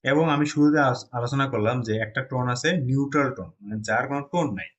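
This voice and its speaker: Recorded with a muffled sound, this medium-pitched man from Bangladesh talks quickly while leading a lesson on Chinese pronunciation. He breaks things down step by step, frequently making sure the class can keep up.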